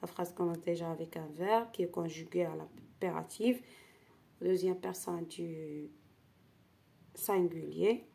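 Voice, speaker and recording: A woman's voice: fairly low pitch, unhurried, creaky, warm tone, breathy edge. A woman French teacher correcting grammar exercises for pupils, patient, and repeating key phrases.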